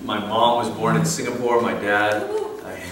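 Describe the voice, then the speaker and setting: A man in his thirties from Malaysia gives a conversational personal testimony talk as a guest speaker, filling it with restarts and fillers. He has a lowish voice with little pitch movement and a moderate pace, and the distant recording in an echoey hall picks up background noise.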